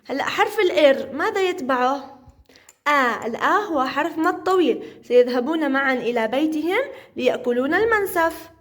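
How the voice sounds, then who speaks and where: A woman teaching a first-grade phonics lesson, sounding out syllables slowly and playfully, with encouraging praise. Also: high-pitched, expressive, a bit bright. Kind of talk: early-reading phonics lesson.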